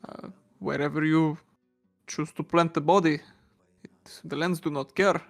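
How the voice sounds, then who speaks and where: A man's voice: fairly high pitch, steady tone, unhurried, gravelly, soft background music. A man narrating as dungeon master in a tabletop game, describing scenes in a hesitant way with many fillers.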